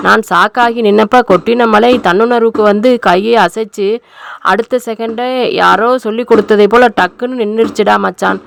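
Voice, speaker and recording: A woman narrating a novel aloud, voicing the dialogue in a lively, colloquial way. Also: medium pitch, moderate pace, creaky, a little hiss or hum. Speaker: audiobook narrator. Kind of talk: novel reading with character voices.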